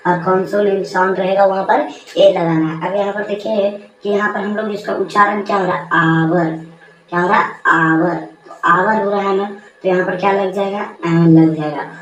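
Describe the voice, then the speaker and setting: A woman's voice: mid-range voice, lo-fi sound. A woman teaching a grammar lesson at a board, repeating key terms and asking and answering her own questions. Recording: echoey room, mic far off, faint noise.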